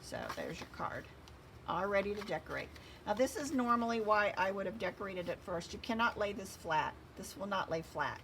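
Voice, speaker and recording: Gravelly-voiced woman teaching a craft. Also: mid-range voice, expressive, moderate pace, a bit bright, a little hiss or hum. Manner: instructive, talks while working with her hands. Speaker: craft tutorial host. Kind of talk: step-by-step craft demonstration.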